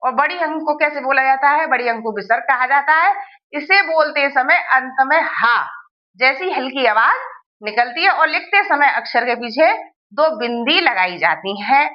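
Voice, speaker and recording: High-voiced woman teaching grammar. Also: animated, moderate pace, dull audio. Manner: repeats questions and answers them, checks understanding. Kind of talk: grammar lesson for students.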